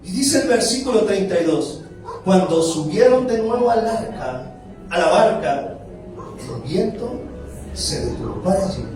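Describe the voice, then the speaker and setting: A male pastor with a Colombian accent preaching a lively sermon, rising to loud exclamations and slowing down for emphasis. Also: high voice, recorded from a distance. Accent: Colombian Spanish. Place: church hall. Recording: echoey church hall, mic from afar, music underneath.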